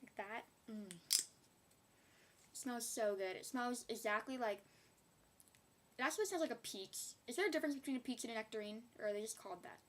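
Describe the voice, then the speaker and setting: A woman's voice: a little high, a little fast, long pauses, a bit bright. A young woman chatting casually in a beauty haul video, rambling with giggly asides. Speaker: beauty vlogger.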